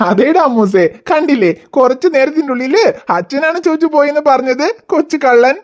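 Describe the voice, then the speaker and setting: A woman voicing a gentle cartoon father who reassures his daughter and mock-scolds his son. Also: high voice, normal speed, lo-fi sound, natural voice. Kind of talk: cartoon voice acting.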